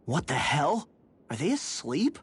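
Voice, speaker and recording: Blunt emotional anime game adventurer, really husky, slow talking. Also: female voice, deep voice, very animated, full character voice. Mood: shocked. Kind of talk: anime-style game dialogue acting.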